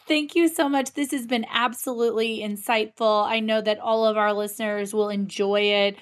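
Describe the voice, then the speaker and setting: A woman podcast host interviewing in a polite, professional way. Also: mid-range voice. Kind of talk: interview hosting.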